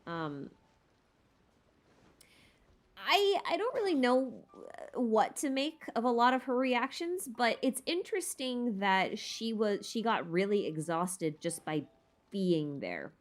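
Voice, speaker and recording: Her voice leans high, swings widely in pitch, and moves slowly. A streamer running a lore Q&A, she rambles casually about the game's lore, reasoning out loud in a tentative way while responding to questions.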